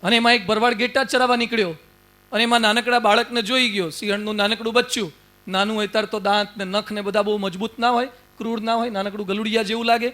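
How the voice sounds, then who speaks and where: A man's voice: high voice, steady tone, quick pace, sharp tone. A man preaching a sermon as a monk, telling folksy, humorous stories and urging his listeners on. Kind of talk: storytelling sermon.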